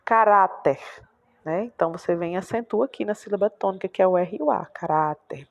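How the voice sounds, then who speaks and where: A woman's voice: medium pitch, rapid-fire, creaky, warm tone, highs cut off. A Brazilian woman teacher explaining a lesson patiently, repeating words aloud and checking in with tag questions. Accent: Brazilian Portuguese. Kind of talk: classroom lesson walkthrough.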